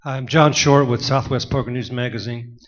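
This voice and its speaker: A man's voice: medium pitch, fairly even intonation, normal speed, in a large hall. Man rambling from a conference floor. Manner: chatty, rambling, with frequent "uh" fillers. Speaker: audience member, poker magazine writer. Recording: dull lo-fi conference audio.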